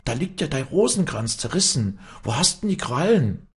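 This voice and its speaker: A man's voice: mid-range voice, sing-song, normal speed, vocal fry, pitched above the performer's own voice. A man voicing an anxious, superstitious old servant woman who wails and laments. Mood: lamenting. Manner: wailing, lamenting.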